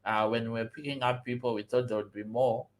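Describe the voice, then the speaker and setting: A man's voice: mid-range voice, little pitch movement, a little fast, lightly acted. A man doing an evasive, shrugging young conductor. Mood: dismissive. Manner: evasive, mumbling, offhand. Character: dismissive young van conductor.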